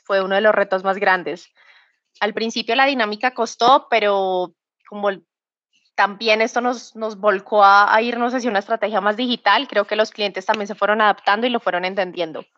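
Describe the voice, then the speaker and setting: Colombian woman in her thirties, halting. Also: medium pitch, fairly bright tone, dry recording. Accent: Bogotá Colombian Spanish. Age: 30s. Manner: hesitant, many fillers and restarts. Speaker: guest. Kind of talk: conversational interview. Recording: dull lo-fi remote audio.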